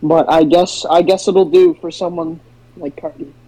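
Young dude doing slow fake news headlines, dry and deadpan, kinda high voice. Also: male voice, low-quality recording. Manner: deadpan mock-newsreader delivery. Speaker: podcast host. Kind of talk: comedy podcast banter.

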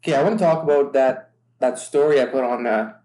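A man's voice: mid-range voice, fast, warm tone. A man co-hosting a podcast in casual chat, telling stories in a rambling, stop-start way. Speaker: podcast co-host. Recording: echoey room.

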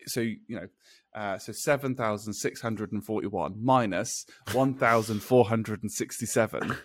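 A man's voice: lowish voice, moderate pace, dry recording. A man co-hosting a podcast in casual chat, rambling and laughing often as he explains things. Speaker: podcast co-host.

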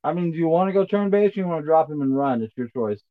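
A man running a tabletop role-playing game as game master, calling rolls in a relaxed, matter-of-fact way. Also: fairly high pitch, fast, phone-quality sound.

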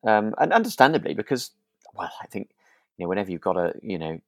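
Chatting casually about a radio drama, this male podcast co-host speaks quickly in a lowish voice with big pitch swings. He hesitates and goes back over his own words as he thinks them through. The sound is studio quality, free of echo.

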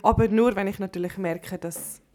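Woman explaining calmly in a chat. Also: medium pitch, moderate pace. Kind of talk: casual chat.

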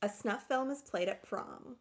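A woman's voice: fairly high pitch, measured pace, slight background noise. A woman co-hosting a podcast in casual chat, with a slight lisp from a bitten tongue and a dry, joking manner. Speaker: podcast co-host.

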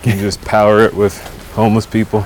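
A man's voice: lowish voice, monotone, a little fast, a little mellow, a little hiss or hum. A man co-hosting a podcast, telling stories in casual chat while walking outside, wry and laughing mid-sentence. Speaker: podcast co-host. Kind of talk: casual storytelling chat outdoors.

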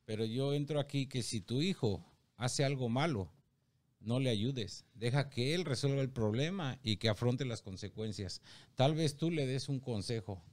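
A man's voice: medium pitch, animated, moderate pace, a little mellow. Earnest man giving advice. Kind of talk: casual chat.

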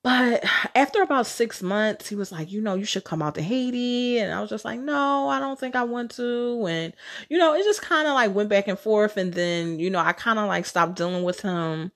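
A woman podcast host tells casual personal stories solo, chatty and candid, using slang and some casual swearing. Her voice is mid-range and her pace moderate.

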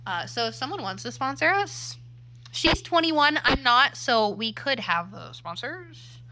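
Sitting too close to the mic in a rough recording with slight background noise, this twenty-something podcast co-host chats casually, rambling, correcting herself, and laughing a lot. Her voice sits high, pushed and bright, with big pitch swings and a slightly slow pace.

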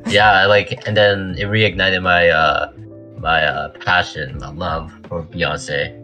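A man's voice: deep voice, level tone, slow, pushed and bright, highs cut off, soft background music. A man of twenty, co-hosting a podcast, telling stories in loose, profane casual chat. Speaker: podcast co-host.

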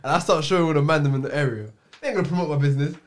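A man's voice: on the high side, racing. A man with a London roadman accent and street slang, chatting casually on a podcast.

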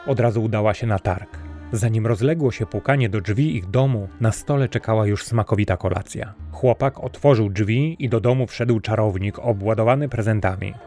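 Deep, mellow male storyteller. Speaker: narrator. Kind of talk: storybook narration.

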